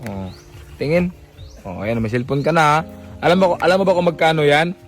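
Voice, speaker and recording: A man's voice: fairly high pitch, sing-song, brisk, soft background music. A young adult man hosting a casual vlog, coaxing and repeating short phrases again and again. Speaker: vlogger host.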